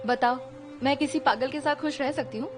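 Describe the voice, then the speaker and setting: A woman's voice: sits high, normal speed, over music, lightly acted. An actress dubbing a restless young woman who scolds and reasons with a lovesick suitor in drama dialogue. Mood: reasoning. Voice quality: scolding, exasperated. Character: restless young woman, exasperated and sharp-tongued. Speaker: dubbed drama lead.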